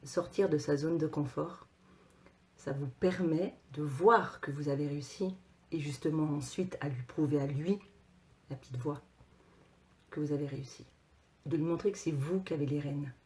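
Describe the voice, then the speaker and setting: A woman coach talking casually to her viewers, animated, with many repeated words and restarts. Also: sits low, moderate pace, pauses often. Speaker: personal coach and author.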